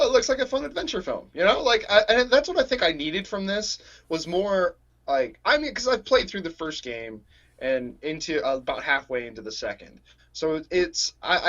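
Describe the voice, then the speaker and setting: A man co-hosts a casual podcast in a laid-back, hesitant way. His pitch is a little high and swings lively. The sound is muffled and lo-fi. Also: normal speed. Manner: laid-back, laughs often, hesitant fillers. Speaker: podcast co-host. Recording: dull lo-fi mic.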